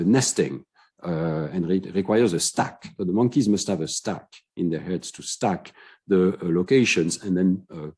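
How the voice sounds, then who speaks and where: A middle-aged man delivers an academic conference lecture in a lowish, mellow and slightly husky voice. He explains research with enthusiasm, pausing often on "uh" and "um" as he walks through his points. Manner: explanatory, many "uh" fillers, enthusiastic about findings.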